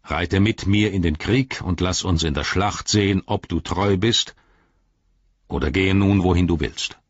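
A man doing a stern old king who gives orders, raised a little above the reader's low voice and pushed louder. The reading is husky, and the recording is dry and a bit dull. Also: measured pace, no room sound. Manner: stern, commanding. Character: old commanding human king.

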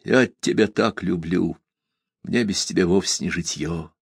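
A man's voice: fairly low pitch, slow pace, no echo, clean studio sound. A man reading an audiobook, voicing a young village lad who desperately begs his beloved. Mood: imploring. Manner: urgent, imploring.

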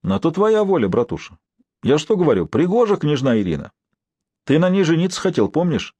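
A man's voice: on the high side, big pitch swings, fairly quick, a little mellow, dry recording, pitched above the performer's own voice. A man doing a sly, swaggering warrior prince. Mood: teasing. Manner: sly, teasing, wheedling. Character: swaggering prince, sly, mocking, restless adventurer.

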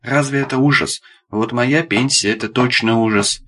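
A man's voice: mid-range voice, moderate pace, pushed and bright. A man reading the lines of a frail old beggar woman who talks in a reasoning, pleading way.

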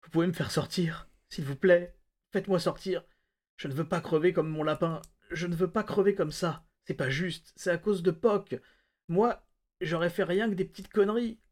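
A man voicing a terrified, starving male prisoner who pleads and whimpers in a high, strained voice. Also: expressive, normal speed, fairly bright tone. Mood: pleading. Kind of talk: audiobook-style reading.

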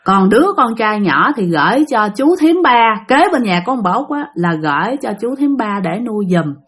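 A woman's voice: a little high, sing-song, normal speed, husky. A woman telling ghost stories in a chatty, casual way, full of filler particles and asides to her listeners. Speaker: storyteller. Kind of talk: casual spoken storytelling.

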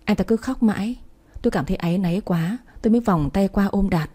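Husky woman narrating a romance story. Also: mid-range voice, fast talker, mellow.

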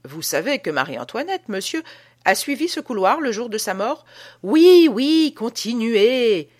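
A woman reading an audiobook as an old male prison guard telling an uncanny tale, with a dramatic, hushed delivery. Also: medium pitch, sing-song, moderate pace, husky, pitched above the performer's own voice. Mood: spooked. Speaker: audiobook reader.

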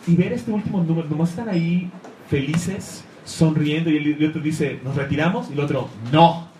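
Excitable man, echoey room. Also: on the high side, a little fast. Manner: excited, rambling, searches for words. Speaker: comics talk presenter. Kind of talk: enthusiastic talk to a live audience. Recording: echoey room, faint noise.

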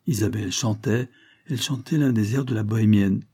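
Brief: male audiobook narrator, mellow dark tone, measured reading. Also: on the low side, slightly rough. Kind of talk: scripted literary narration.

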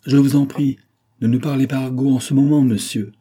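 A man reading aloud as a severe older merchant, voice low and dark with a husky edge, pressing each accusation with cold indignation in a storybook reading. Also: animated, moderate pace. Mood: stern, accusing. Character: stern indignant male merchant.

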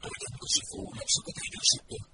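A man voicing a young male martial disciple, earnest and guilt-ridden, speaking in a hushed, brooding way. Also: rapid-fire, lightly acted. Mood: anguished. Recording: distant mic, loud background noise.

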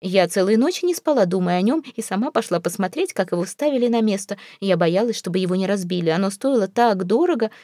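A woman's voice: medium pitch, lively intonation, fast, hardly any pauses, mellow, no room sound, clean studio sound, lightly acted. A woman voicing a feeble, tearful older mother-in-law in an audiobook, speaking in a plaintive, sighing way. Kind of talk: audiobook character reading.

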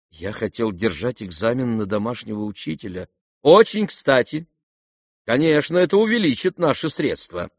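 A man doing a sharp-tongued proud young lady. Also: on the high side, dry recording, studio quality, pitched above the performer's own voice. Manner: cool, sarcastic, commanding. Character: headstrong proud young noblewoman, mocking.

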